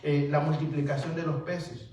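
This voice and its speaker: A man preaching in a loose, chatty way, often turning to his listeners as brothers and playing out small back-and-forth scenes. His voice sits a little high and comes from well off the mic, in a very echoey hall with faint room noise behind it. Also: little pitch movement, normal speed, darkish tone, distant mic. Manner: keeps addressing listeners as "hermano", acts out dialogues. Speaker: pastor. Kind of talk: conversational sermon.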